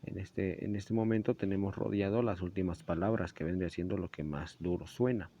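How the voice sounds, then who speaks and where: A young man with a low, mellow voice walks through a school lesson, explaining steps plainly and stumbling now and then before correcting himself. The recording is dull and lo-fi. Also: steady tone, a little fast, slight background noise. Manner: explanatory, with small slips and self-corrections. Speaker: student presenter. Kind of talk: school presentation narration.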